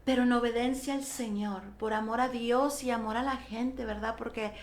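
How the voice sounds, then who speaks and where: A woman's voice: a little high, moderate pace, echoey room. A middle-aged woman pastor, giving her testimony in a radio interview and acting out the dialogue she recalls. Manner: animated storytelling, acting out quoted dialogue. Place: radio studio.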